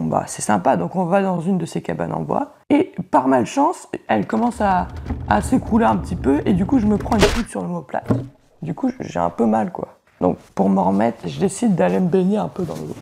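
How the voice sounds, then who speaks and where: A man telling a personal anecdote in a flat, matter-of-fact way, with many fillers. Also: sits high, vocal fry, slightly rough. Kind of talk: casual storytelling.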